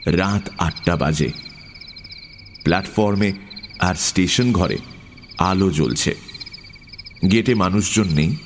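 A man narrating an audiobook story in an expressive storytelling manner. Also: low-pitched, slow, pauses often, noisy background. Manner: expressive storytelling, tense at times.

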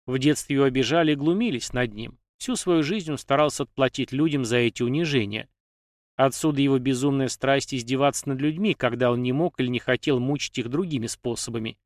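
A man's voice: mid-range voice, a little fast, no room sound. Man narrating history, dry sound. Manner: even, steady reading with dramatic emphasis.

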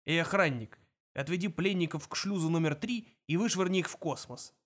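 A cruel, pompous alien captain who speaks coldly and deliberately, voiced by a man. His menace is restrained and self-satisfied. It is performed as an audiobook character. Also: fairly high pitch, natural voice.

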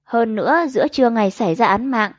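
A woman reading a crime novel aloud as an audiobook narrator, in an even, measured storytelling manner. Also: on the high side, no echo. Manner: even, measured storytelling with quoted dialogue read in.

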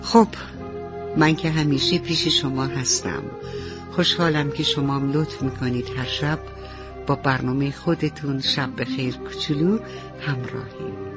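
Woman bedtime-story narrator for kids, dull lo-fi radio sound, soft music beneath. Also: extremely low pitch, steady tone. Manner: gentle, addresses children directly.

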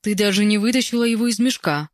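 A woman reading a story and voicing a big, brash, teasing female friend who talks loudly and boldly, in a dry, close recording. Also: mid-range voice, expressive, moderate pace, no echo, pitched above the performer's own voice, natural voice. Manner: bold, teasing, loud.

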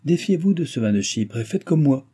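A man's voice: on the high side, animated, brisk, warm tone, husky, voice pushed up. Figure: a man voicing a teasing royal dauphine. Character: young royal princess, proud, teasing, imperious.

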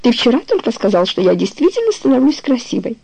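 A woman reading the lines of an eighteen-year-old girl in love, pleading one moment and teasing the next, in a husky, creaky voice. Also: on the high side, big pitch swings, fast, a little mellow, no room sound, full character voice, low-quality recording. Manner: pleading, then teasing and light. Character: passionate young woman, eighteen, playful lover.

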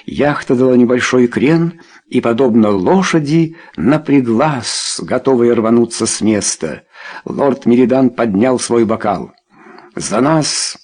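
Audiobook narrator, man, husky voice, animated delivery. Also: mid-range voice, a little slow. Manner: lively, expressive reading. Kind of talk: scripted narration of a novel, voicing all characters.

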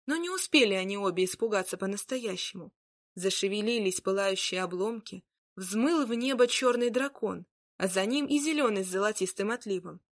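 A woman's voice: medium pitch, lively intonation, moderate pace. A woman reading a fairy tale aloud and voicing its characters. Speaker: storyteller.

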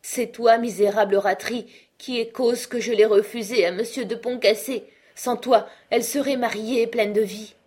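A woman voicing a grief-stricken old father who cries out in loud, anguished bursts, wild with sorrow and rage. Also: a little high, fairly even intonation, moderate pace, few pauses, slightly rough, voice pushed up.

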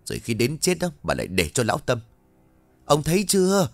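A man's voice: fast, lightly acted. A man voicing a greedy, harsh young daughter-in-law who snaps and hisses. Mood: spiteful. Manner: shrill, spiteful, snapping.

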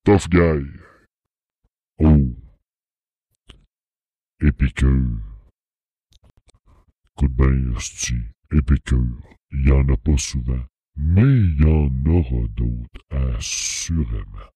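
A man voicing a gruff male tough guy with a Quebec French accent, swearing in a slow, gravelly growl through a pitch-lowering voice effect. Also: warm tone, no echo, heavily acted.

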